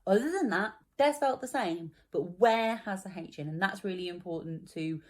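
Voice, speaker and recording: A woman's voice: medium pitch, animated, moderate pace, a little mellow. Patient woman teaching children spelling. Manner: patient, encouraging, explains step by step.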